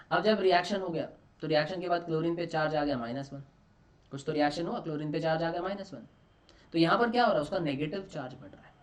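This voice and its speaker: A male chemistry teacher gives an exam-prep lesson, his voice sitting a little high for a man. He fires a question at the class and answers it himself, letting the final word sink low and quiet. He slips English phrases into his explanations and hammers the same key terms again and again. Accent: Marathi-influenced Indian. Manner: final answer words drop low and soft. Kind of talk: online exam-prep lecture.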